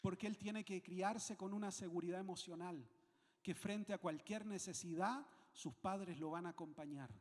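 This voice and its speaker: High-voiced Chilean pastor preaching. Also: male voice, normal speed, in a large hall. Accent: Chilean Spanish. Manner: emphatic, repeats phrases for weight, asks the congregation questions. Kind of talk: sermon.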